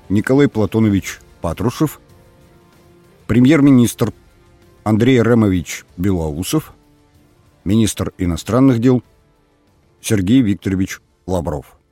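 A man narrating an audiobook in an even, measured reading. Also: on the low side, dry recording. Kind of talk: scripted narration.

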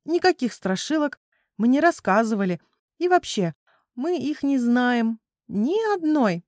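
A giggly, squealing piglet girl from a children's storybook, voiced by a woman. She talks high and eagerly, her words bouncing upward. The dry, close reading leaves no room sound. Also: very animated, a little slow, darkish tone, no room sound. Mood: flustered. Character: excitable little girl piglet.

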